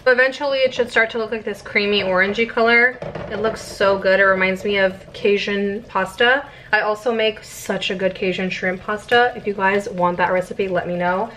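Bright-voiced young woman cooking vlogger. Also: medium pitch, fairly even intonation, normal speed, slight background noise, poor audio. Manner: chatty, giggly, laid-back. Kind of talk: casual cooking vlog. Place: home kitchen. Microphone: camera set in the microwave.

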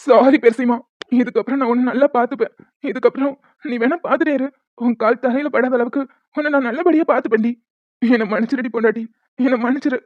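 A woman's voice: fairly high pitch, fairly even intonation, fast talker, dry recording, natural voice. A woman voicing a cartoon husband who is pleading and emotional with his wife, then curt and strict as a college head. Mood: pleading, tender. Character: lovestruck young husband, later a stern college head. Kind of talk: cartoon voice dubbing. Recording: thin phone-like dry sound.

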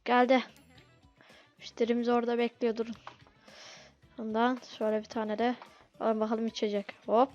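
A gameplay video host casually comments on a restaurant game, flustered and pleading with impatient customers to be patient. Her voice is a little high, level, and slightly mellow, at a moderate pace with long pauses. The audio is dull and lo-fi, with game music playing.

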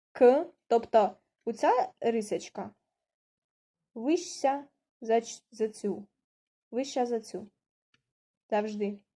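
Woman, language teacher, slow patient delivery, letter-by-letter spelling, soft mellow tone. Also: a little high. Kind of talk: online language lesson.

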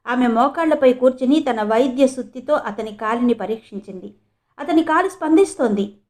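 High-voiced woman reading a story. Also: fairly quick, darkish tone. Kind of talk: scripted story narration.

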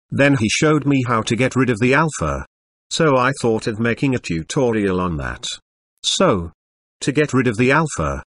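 A synthetic, stilted male computer voice, like an old speech synthesizer, narrating a scripted software tutorial. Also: medium pitch, no room sound, clean studio sound. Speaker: tutorial presenter.

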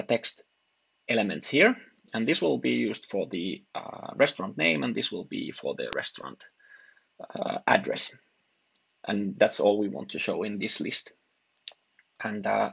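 Man, gravelly husky voice, lively pitch, halting tutorial narration, screen recording. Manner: halting, frequent restarts and uhs while clicking through. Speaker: software tutorial presenter.

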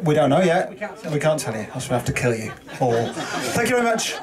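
A man's voice: mid-range voice, big pitch swings, brisk. Wry man over crowd noise. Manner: wry, jokey. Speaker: award winner. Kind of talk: joking acceptance speech. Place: awards event indoors. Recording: crowd noise at an awards event.

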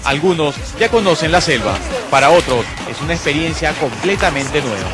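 A Peruvian man narrates a TV report in a dramatic scripted style. His voice is a little high and very animated, with music clearly behind it. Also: normal speed.

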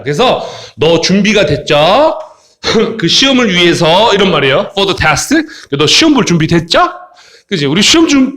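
A man teaching a children's English lesson in a playful, jokey way, drilling phrases and clowning with silly voices. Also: pushed and bright. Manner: playful, jokey, mimics kids in high squeaky voices.

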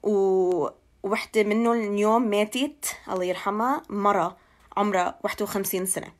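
A woman's voice: mid-range voice, moderate pace. A young woman from Ohio speaks hesitant Levantine Arabic with an American English accent, giving an informal news update and mixing in English terms. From Ohio, United States. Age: young adult. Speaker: local TV channel presenter. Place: small indoor room. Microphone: phone at arm's length.

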